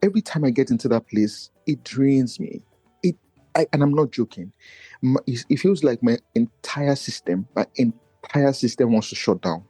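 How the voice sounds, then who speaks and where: A man's voice: lively intonation, moderate pace, dark tone, breathy edge, no room sound, faint music behind. A man, a podcast guest talking in an earnest, searching way and often restarting his thoughts. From Nigeria. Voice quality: low voice he feels does not carry. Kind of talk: reflective personal conversation.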